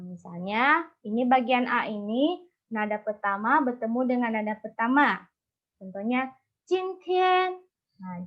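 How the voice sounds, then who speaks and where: A young woman tutors over a video call, talking each step through patiently with plenty of fillers. Her voice sits a little high. The audio is dull and lo-fi, like a compressed call. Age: young adult. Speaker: Mandarin tutor.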